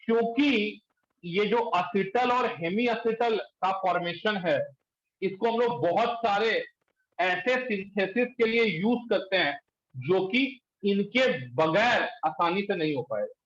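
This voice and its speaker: A male chemistry teacher lecturing a class in speech, quizzing students and pushing them to answer quickly. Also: high voice, animated, fairly bright tone. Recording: echoey room, dull lo-fi sound.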